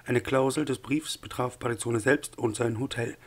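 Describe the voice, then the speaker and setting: This audiobook is narrated by a man whose voice is husky and sits in the middle range. He keeps his reading steady and measured throughout.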